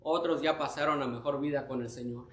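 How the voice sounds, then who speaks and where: A man's voice: mid-range voice, steady tone, brisk, a bit bright. A man teaching a church Bible lesson, speaking emphatically and addressing the class as brothers. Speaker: Sunday school teacher. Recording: roomy echo.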